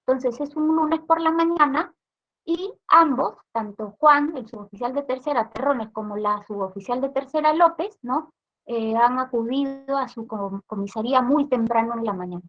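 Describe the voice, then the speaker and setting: A high-pitched woman with a Peruvian accent leads a police training session, explaining slowly and checking in with her listeners. She keeps tossing in little tag questions. The recording sounds dull and lo-fi. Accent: Peruvian Spanish. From Peru.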